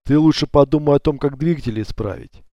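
A spiteful, scornful bandit, as read by a man snaps and sneers at his crew. The voice is mellow and dark in tone, with a dry, close sound. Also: fairly high pitch, fast, no room sound, muffled recording, pitched above the performer's own voice, natural voice. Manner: scornful, curses.

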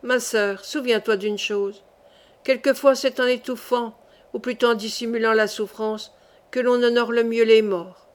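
A woman voicing a young king who is dying, gentle and resigned, pleading softly and earnestly with his grieving sister. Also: fairly high pitch, steady tone, measured pace, natural voice.

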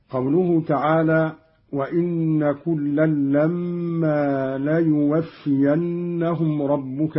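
Slow husky man teaching Quran recitation. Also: on the high side. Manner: slow, deliberate, chanting the quoted verses. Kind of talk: explaining and chanting Quranic readings. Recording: dull lo-fi archival radio recording.

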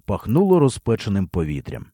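A man reading a historical novel aloud as an audiobook narrator, with expressive storytelling. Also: on the low side, brisk, husky, dry recording, clean studio sound.

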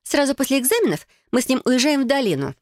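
A woman's voice: fairly high pitch, expressive, fairly quick, no room sound, studio quality, voice pushed up, close to an everyday voice. Woman voicing a smug, taunting young cousin. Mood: mocking. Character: haughty mocking young woman, scheming cousin. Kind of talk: audiobook character voicing.

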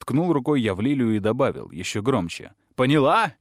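Man, audiobook narrator, voices the dialogue, lively swooping pitch, dry close sound. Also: a little fast, no room sound. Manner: rises sharply for heated dialogue.

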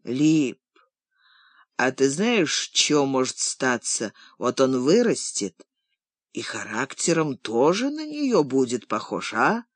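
Gruff folksy old grandfather, voiced by a narrator, doting yet gloomy, lively pitch, audiobook. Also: slow pace, dry recording. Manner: fond, gruff folksy talk. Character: sentimental, grumbling old grandfather. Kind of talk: audiobook character reading.

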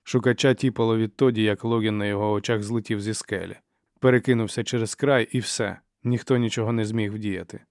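Low-voiced man narrating an audiobook. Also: fairly even intonation, a little fast, dry recording, studio quality. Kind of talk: scripted narration.

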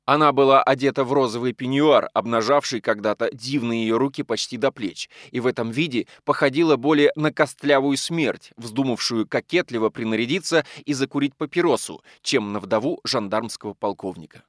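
A man narrating an audiobook with expressive storytelling. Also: medium pitch, brisk, few pauses, dry recording, studio quality. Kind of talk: audiobook reading.

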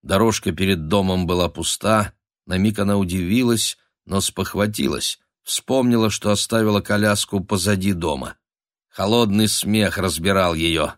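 A man narrating a mystical period thriller as an expressive audiobook reader. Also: low-pitched, moderate pace, dry recording, studio quality. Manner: expressive, dramatic storytelling.

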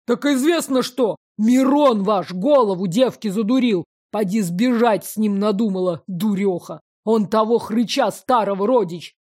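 A woman voicing a burly, angry middle-aged peasant father who bellows slowly and indignantly. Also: mid-range voice, a little mellow, natural voice. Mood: aggrieved.

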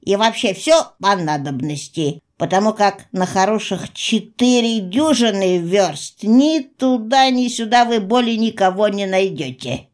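A woman voicing a fussy, boastful little old innkeeper in an audiobook, with a shrill, protesting manner. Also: lively intonation, unhurried, hardly any pauses, darkish tone, natural voice. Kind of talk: audiobook character voice.

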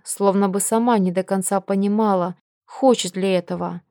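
A woman narrates an audiobook in the first person at a middle pitch. Her reading is even and measured. The recording is dry, with no room sound. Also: dry recording.

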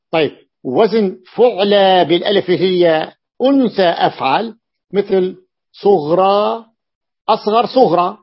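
A man's voice: a little high, husky, dull audio. A man teaching Arabic morphology to a class, explaining a classical text, repeating each example and checking that students follow.

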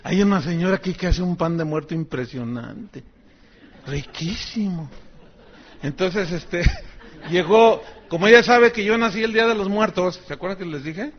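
A man's voice: high-pitched, normal speed, dull audio. A middle-aged man with a Mexican accent, preaching a sermon in a chatty, joking way and acting out the people in his stories. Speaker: pastor. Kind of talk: sermon with personal anecdotes.

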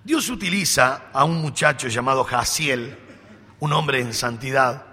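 A man's voice: mid-range voice, lively intonation, unhurried, bright, forceful tone, husky. A man preaching a sermon in a church hall, acting out dialogue with playful humor. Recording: long hall reverb.

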